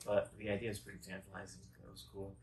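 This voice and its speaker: A man's voice: low voice, completely flat delivery, fast, darkish tone. A middle-aged man presenting a card trick in chatty magician patter, wandering off into tongue-in-cheek asides. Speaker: magician co-host of a magic show. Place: small dark room, indoors. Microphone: phone camera set back from the table. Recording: voice distant from the microphone.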